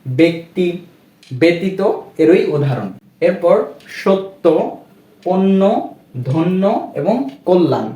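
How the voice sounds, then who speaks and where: A man's voice: high voice, expressive, slow, long pauses, mellow, roomy sound. A man teaching a pronunciation lesson, spelling each word out letter by letter and answering his own questions as he goes. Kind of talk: spoken grammar lesson.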